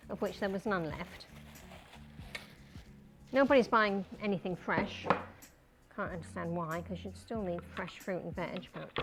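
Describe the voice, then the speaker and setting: A woman with a mid-range voice and a broad New Zealand accent hosts a cooking livestream, chatting in a relaxed, colloquial and jokey manner.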